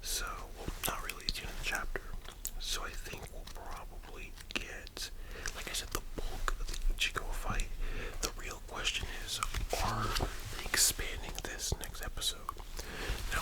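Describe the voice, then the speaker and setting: Soft library whisper, unvoiced, casual ASMR host, rambling, thinking aloud. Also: normal speed, rough recording. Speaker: host of an anime and manga discussion.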